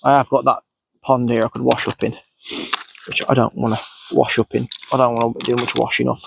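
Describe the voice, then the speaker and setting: A man with a cold, sniffling as he talks, narrates his outdoor cooking off the cuff somewhere in the countryside. His mid-range voice is gravelly, level in tone, and fairly quick. Background noise is heavy.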